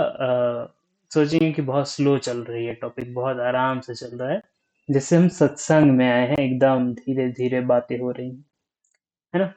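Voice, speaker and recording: A young man giving a casual talk on speaking, unhurried, thinking aloud and often checking in with the listener. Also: mid-range voice, a little mellow, rough recording. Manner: frequent "ठीक है?" check-ins.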